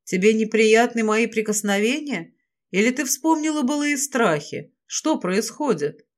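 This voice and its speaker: A woman voicing a possessive, domineering male serpent lord in an audiobook, speaking low and commanding. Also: expressive, measured pace. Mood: demanding.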